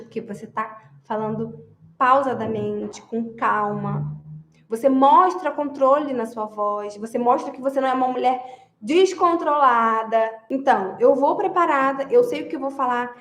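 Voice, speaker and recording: A woman's voice: on the high side, moderate pace, a bit bright, echoey room. A woman giving marriage advice straight to her listeners, emphatic and repetitive, often leaning on a phrase again and again. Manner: emphatic, repeats phrases, addresses listeners directly. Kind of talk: advice talk to women.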